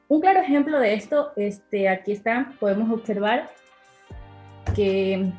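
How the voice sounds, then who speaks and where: A woman's voice: a little high, darkish tone. A young woman giving a class presentation, hesitant, with many fillers. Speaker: student presenter. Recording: echoey room with faint music.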